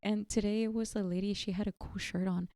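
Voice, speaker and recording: A woman's voice: medium pitch, fairly even intonation, fairly quick, warm tone, no room sound. A woman co-hosting a casual podcast chat, talking freely with lots of "like" and "you know". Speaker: podcast co-host.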